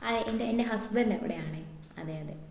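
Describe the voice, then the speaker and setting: A woman's voice: mid-range voice, normal speed, creaky, darkish tone, natural voice. A woman playing a chatty, nosy class teacher at a parents' meeting who repeats herself a lot, in a comic sketch monologue. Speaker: comedy sketch performer. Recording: echoey room, faint noise.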